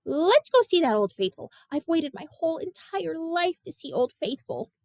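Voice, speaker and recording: A woman voicing an excitable old grandmother full of childlike wonder, speaking in eager, breathless exclamations. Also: extremely high pitch, a little fast, dry recording, studio quality, voice pushed up.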